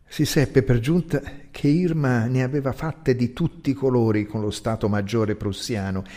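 A man narrating a literary story in a measured, expressive reading. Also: mid-range voice. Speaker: audiobook narrator.

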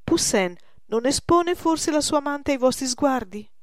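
A woman's voice: high-pitched, lively intonation, a little slow, dry recording, clean studio sound, pitched above the performer's own voice. A woman doing a persuasive male painter. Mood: coaxing.

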